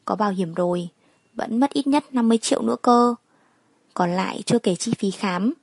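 A woman's voice: mid-range voice, brisk, creaky, darkish tone, no echo. A woman voicing an anxious, plain-spoken middle-aged mother in a spoken story. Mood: worried.

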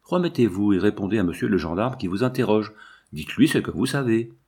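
A man's voice: on the low side, animated, a little mellow, breathy edge. A man reading aloud and voicing a severe but kindly older householder. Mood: gentle. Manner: measured, severe.

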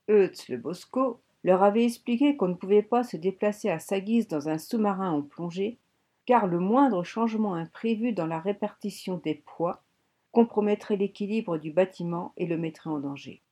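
A woman reading a novel aloud as an audiobook narrator, in a measured storytelling manner. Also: mid-range voice, mellow. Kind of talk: scripted narration.

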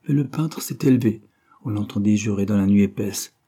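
A man narrating a classic novel as an audiobook in a measured, grave reading. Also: on the low side, warm tone, slightly rough.

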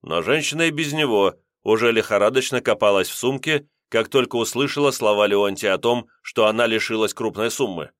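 A male narrator reads a novel aloud in a measured, expressive way. His voice sits somewhat low. The recording is dry and close, with no room sound. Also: no room sound. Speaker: audiobook narrator. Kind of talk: scripted narration.

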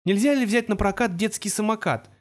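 A man's voice: high voice, a little fast, voice pushed up, natural voice. A man voicing a mild, bemused ordinary man in an audiobook, speaking in a plain, hesitant way. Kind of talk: audiobook character voice.

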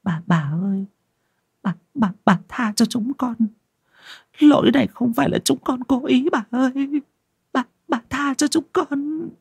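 A man voicing a frightened middle-aged village wife in an audio horror story, with a shrill falsetto, stammering and pleading. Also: lively intonation, measured pace, gravelly, long pauses, breathy edge, dry recording, clean studio sound, heavily acted.

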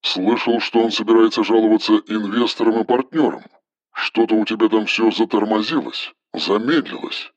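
Властный холодный босс говорит по телефону, как его играет чтец аудиокниги: низкий, глуховатый голос с тусклым звуком. Каждая фраза звучит как приказ. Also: male voice, on the low side, normal speed, dry recording, muffled recording, pitched below the performer's own voice. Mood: wary. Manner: harsh, clipped, commanding. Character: stern cold male boss on the phone. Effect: phone voice.

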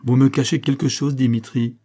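A man's voice: medium pitch, level tone, brisk, dark tone, pitched above the performer's own voice, natural voice. A man reading an audiobook who voices a young grieving queen in fervent, pleading speech. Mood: anxious.

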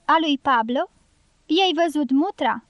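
A woman's voice: sits high, lively intonation, fairly bright tone, dry recording, highs cut off. Woman reading as a shy young girl. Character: young Spanish girl, shy and quick to blush. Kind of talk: audiobook character reading.

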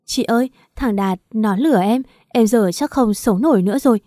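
A woman's voice: fairly high pitch, normal speed, mellow, no echo, studio quality, lightly acted. A woman voicing a frightened young woman from the countryside in an audio story, speaking tearfully and pleadingly.

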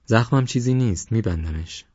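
A man voicing a wounded young man in hiding who answers quietly and tersely. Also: on the low side, expressive, dry recording, pitched above the performer's own voice. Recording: dull lo-fi audio.

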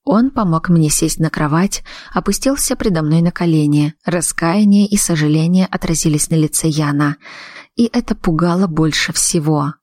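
Low-voiced woman reading an audiobook. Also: a little mellow, no echo, clean studio sound. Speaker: audiobook reader. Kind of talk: first-person audiobook narration.

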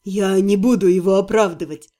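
A woman voicing a quiet, patient older male healer in an audiobook, speaking softly and calmly. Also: medium pitch, moderate pace, pitched below the performer's own voice, close to an everyday voice. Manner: quiet, patient, near-whisper. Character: calm older male healer, soft-spoken.

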